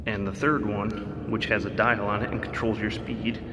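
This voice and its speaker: A man's voice: fairly low pitch, flat delivery, normal speed, noisy background. Man echoing inside a steel silo. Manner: plain, matter-of-fact explaining with fillers. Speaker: farmer. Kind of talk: casual farm walkthrough.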